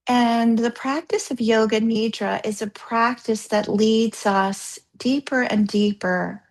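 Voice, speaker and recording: In a slightly high, steady voice, a woman leads yoga nidra as a yoga therapist. She gives soothing, gentle instructions, taking her time and pausing along the way.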